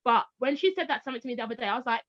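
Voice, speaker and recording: A woman's voice: a little high, very fast, no room sound. A woman in her thirties from Barbados, a former teacher telling stories in a casual interview and acting out the voices she quotes. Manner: animated storyteller, acts out quoted voices. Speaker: guest, former teacher now homeschooling parent. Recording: dull lo-fi sound, dry.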